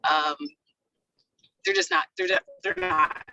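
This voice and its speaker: This woman is calling in to a town hall, and her voice has a bright, edgy tone. The call keeps breaking up into choppy dropouts. She sounds distant and thin, as if she is held away from the mic. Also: sits high, wildly swooping pitch, creaky. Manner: earnest, halting, restarts phrases. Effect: phone call breaking up with choppy dropouts. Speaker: caller from a community food project. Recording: distant, patchy call audio.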